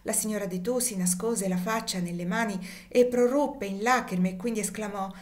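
A woman narrating a classic novel as an audiobook, with a steady, measured reading. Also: mid-range voice. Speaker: audiobook reader.

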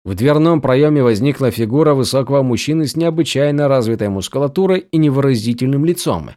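Brief: male audiobook narrator, expressive fantasy reading, dry close mic. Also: mid-range voice, quick pace, no room sound.

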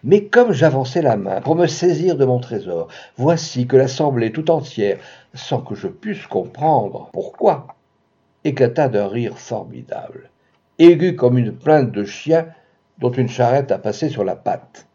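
A man giving a dramatic reading of a literary story, expressive, with sudden loud bursts. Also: medium pitch, a little slow, slightly rough, highs cut off.

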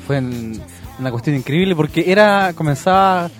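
A young man with a Chilean accent, co-hosting a casual radio music chat, relaxed and agreeable. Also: a little high. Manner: relaxed, agreeable, quick interjections. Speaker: radio co-host. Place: radio studio.

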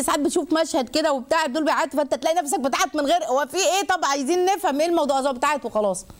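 Speaking at a medium pitch with an Egyptian accent, a woman gives a religious lesson to other women. She is lively and animated, posing questions to herself as she goes.

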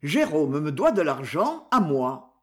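Male reader playing a blustering old uncle in a novel reading, lively pitch, slow delivery. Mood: coaxing. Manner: blustering, animated. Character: agitated older uncle, blustering but tender.

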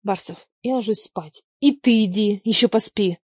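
A man's voice: high-pitched, normal speed, a little mellow, breathy edge, no echo, clean studio sound, pitched above the performer's own voice. A man voicing a sulky, hungover young woman teacher with a headache who gives curt commands. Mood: grumpy.

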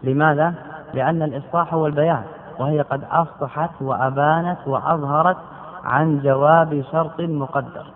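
A man giving a classical Arabic grammar lesson, drilling word forms by repeating them slowly and putting questions to his students. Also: on the high side, fairly even intonation. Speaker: grammar teacher. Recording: tinny phone-like lecture recording.

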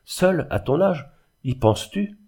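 A man's voice: a little high, lively intonation, a little slow, breathy edge, pitched above the performer's own voice, heavily acted. A man voicing a dreamy, anxious young man. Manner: soft, worried.

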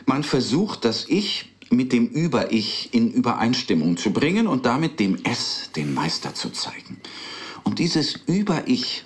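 In radio play dialogue and recollection, an actor voices an earnest, articulate married professional man whose manner is ironic and emphatic. His medium-pitched voice swings widely in pitch at a measured pace, sounding wry and zealous.

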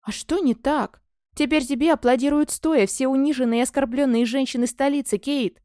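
A woman's voice: high voice, fairly quick, dark tone, no echo, studio quality, pitched above the performer's own voice, natural voice. A woman voicing a scheming young noblewoman in a storybook, pushy and insinuating. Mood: coaxing.

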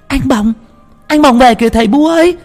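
A man voicing an innocent little peasant girl in a ghost story, using a high, childish piping voice. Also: a little fast, a little mellow, big-room sound, faint music behind. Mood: excited.

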